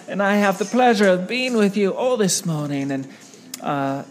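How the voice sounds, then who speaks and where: A theatrical performer with a grand, self-dramatizing manner, speaking at an ordinary middle pitch. The recording is noisy, with vehicle sounds behind the voice. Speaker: stage performer. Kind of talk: comedic mockumentary talk. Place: car parked in a lot, then small restaurant.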